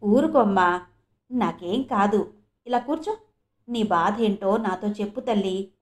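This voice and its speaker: A woman voicing a gentle elderly grandfather who speaks softly and comfortingly in a storybook reading. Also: fairly high pitch, lively intonation, moderate pace, natural voice. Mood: soothing. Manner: soft, comforting.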